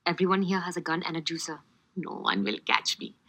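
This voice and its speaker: A woman's voice: on the low side, level tone, brisk, creaky, pushed and bright, slightly rough, exaggerated voice. A sly grandmother with a put-on Indian accent. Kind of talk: TV comedy dialogue.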